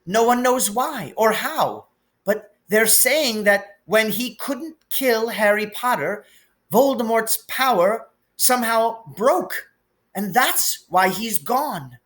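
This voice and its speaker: A man's voice: high voice, animated, slow, fairly bright tone, voice pushed up, exaggerated voice. A man voicing an anxious, stern older witch who is a professor in a storybook. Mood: trembling, grave. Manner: astonished, disapproving.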